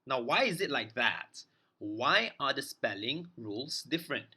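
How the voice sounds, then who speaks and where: A male teacher walks learners through spelling rules at a very unhurried pace. His voice is bright and forward, and he says each example word deliberately, often twice, spelling out letters one at a time. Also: mid-range voice, very animated, breathy edge. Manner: spells out letters and repeats words slowly for learners. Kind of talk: slow explanatory grammar lesson.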